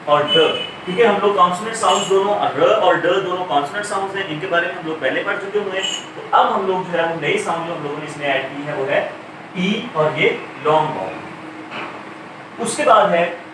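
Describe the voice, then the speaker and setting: A man teaching English vowel sounds in a recorded lecture, explaining slowly with many fillers and self-corrections. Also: sits high. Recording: far from mic, very echoey room, clear noise.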